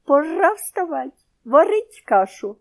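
A woman voicing a small, timid male pet parrot who squawks its learned phrases in a high voice. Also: very animated, slow, gravelly, heavily acted. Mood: eager.

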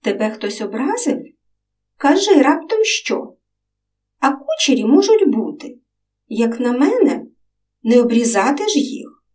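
Storybook boy, voiced by a woman: high, lively, earnest. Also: unhurried, pauses often, far from the mic. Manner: earnest, eager, a bit shy. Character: earnest young boy, dreams of saving the world.

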